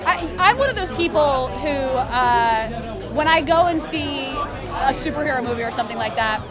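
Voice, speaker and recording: A woman's voice: high voice, lively intonation, moderate pace. A woman, an awards host, chatting casually and animatedly in a red carpet interview. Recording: music and crowd behind.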